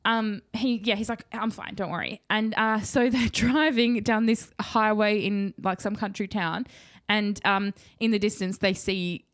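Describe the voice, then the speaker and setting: A young adult woman with an Australian accent, co-hosting a casual podcast and telling a story in an animated way, laughing often and swearing casually. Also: medium pitch, measured pace, smooth, no room sound, studio quality. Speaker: podcast co-host.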